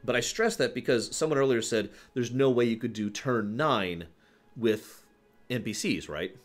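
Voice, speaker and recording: On a livestream with faint music in the background, a male host chats casually about games with his viewers at a normal speed and medium pitch. His talk is emphatic and rambling, wandering off on tangents and repeating phrases for emphasis.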